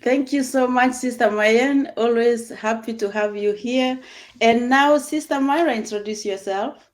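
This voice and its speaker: A woman's voice: a little high, a little slow. Earnest woman hosting an online chat. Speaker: host.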